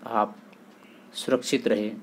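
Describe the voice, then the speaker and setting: A man's voice: on the low side, slow pace, background noise. A man teaching a Hindi grammar lesson to students, reciting word pairs methodically and stressing key points. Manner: steady, methodical recitation with emphatic explanations.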